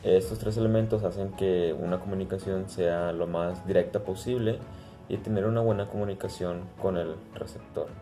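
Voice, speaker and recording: Man, class presentation, very dark voice, halting, faint music behind. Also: low voice, fairly even intonation. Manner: halting, with pauses and restarts. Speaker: student presenter.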